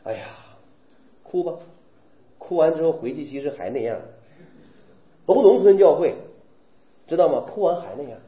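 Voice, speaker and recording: A man's voice: a little high, expressive, moderate pace, long pauses. A man preaching a sermon, firing rhetorical questions and acting out weeping believers. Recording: roomy, dull recording.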